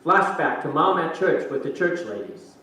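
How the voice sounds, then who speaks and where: A man's voice: a little high, expressive, normal speed, sharp tone. A man narrating stage directions for a staged play reading in scripted delivery. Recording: echoey hall, distant mic, faint noise.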